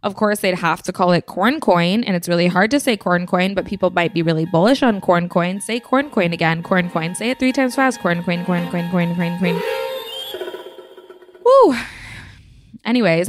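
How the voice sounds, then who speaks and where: A woman's voice: on the low side, animated, fairly quick, few pauses, faint music behind. Wry woman hosting a comedic news podcast. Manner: wry, playful delivery with sarcastic asides. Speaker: podcast host. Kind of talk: scripted comedic news commentary.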